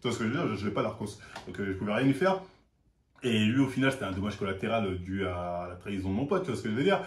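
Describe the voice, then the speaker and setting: A young man spins a story in casual slang, acting out every line. His delivery is quick and his pitch swings widely. The room around him is roomy and echoey. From France, Paris suburbs. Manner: animated, slangy, acts out quoted lines. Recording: roomy echo.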